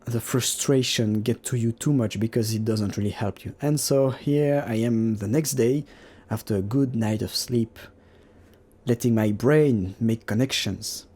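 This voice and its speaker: A man casually talking over his own painting process, halting with many fillers and restarts and laughing at himself. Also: mid-range voice, a little mellow, slightly rough. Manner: self-deprecating, laughs at himself. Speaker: digital artist.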